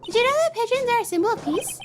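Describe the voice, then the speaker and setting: Squeaky-high, animated girl sidekick for a game; perky, childlike, chatty, music underneath. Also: quick pace. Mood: bubbly. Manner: perky, eager, playful. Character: bubbly, childlike, chatty young female sidekick. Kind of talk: amateur voicing of video game dialogue. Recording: music playing behind the voice.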